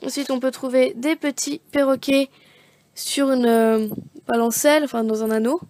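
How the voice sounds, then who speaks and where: A high-pitched woman talks through her supply haul in a relaxed vlog. She rambles, corrects herself and fills pauses with "euh". Faint background noise sits under the voice. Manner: chatty, rambling, self-correcting with many fillers. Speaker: beauty vlogger showing craft supplies. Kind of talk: casual unboxing chat.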